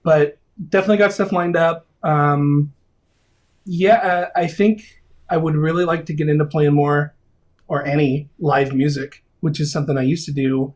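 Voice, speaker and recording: A man in his thirties chats as an interview guest, his voice sitting a little higher than most men's. He rambles excitedly, circling back with fillers and restarts. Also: moderate pace. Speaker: video game composer, interview guest. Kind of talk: casual interview chat.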